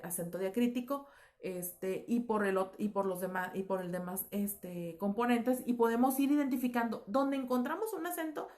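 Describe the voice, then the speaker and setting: A woman teaching a recorded lesson, explaining patiently with fillers and self-corrections. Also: on the high side. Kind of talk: recorded class lecture.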